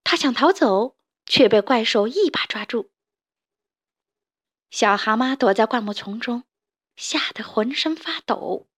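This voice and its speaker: A woman tells a story to children in a gentle, expressive way. Her voice sits fairly high and she reads slowly and clearly.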